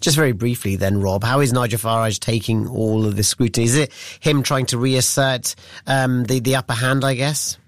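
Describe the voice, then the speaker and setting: A man's voice: mid-range voice, steady tone, dry recording. Male news presenter, dry studio. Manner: brisk, scripted links.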